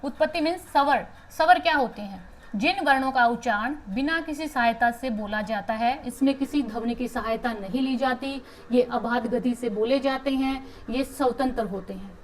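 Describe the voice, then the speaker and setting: A woman's voice: on the high side, normal speed, poor audio. A woman teacher giving an exam-prep lecture, explaining step by step, asking questions and answering them herself, with English terms mixed into her speech.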